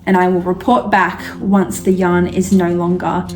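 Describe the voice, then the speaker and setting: A woman's voice: on the low side, little pitch movement, normal speed, over music. A young Australian woman chatting casually in a knitting vlog, full of fillers and asides. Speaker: knitting vlogger.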